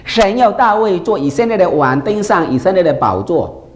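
Animated sermon preacher, lively swooping pitch, emphatic, constant rhetorical questions. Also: normal speed. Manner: keeps asking the congregation rhetorical questions.

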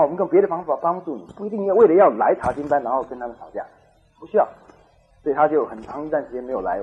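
Animated male preacher telling a story. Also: on the high side, breathy edge, phone-quality sound. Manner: animated, acts out dialogue, laughs at own story. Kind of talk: sermon storytelling.

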